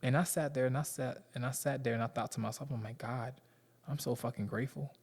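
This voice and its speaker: Low gravelly southern guy in his 30s rambling to his viewers, pretty flat tone, lots of slang. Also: quick pace. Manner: rambling, candid, slangy, repeats himself. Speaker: vlogger. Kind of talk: casual monologue to viewers.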